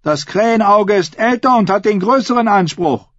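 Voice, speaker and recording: A man's voice: high voice, expressive, moderate pace, a bit bright, no room sound, muffled recording, voice pushed up. A man voicing a bold, mocking young woman who teases a crowd of sea captains in an audiobook. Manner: teasing, cocky, commanding.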